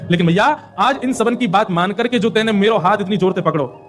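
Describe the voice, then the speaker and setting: Child Krishna as a sulking, pleading small boy, high and quick, played by a man. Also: faint music behind, close to an everyday voice.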